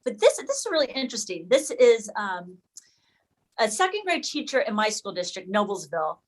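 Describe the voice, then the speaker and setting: On an online video call, a woman is giving an informal presentation to fellow educators and leading the discussion. Her voice is medium-pitched and sing-song, and she talks fairly quickly. She thinks aloud and often corrects herself as she goes.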